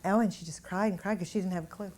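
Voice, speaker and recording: A woman energy healer giving a live talk to an audience in a room, telling animated anecdotes and chuckling as she goes. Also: on the low side, racing. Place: indoor room with a gathered audience.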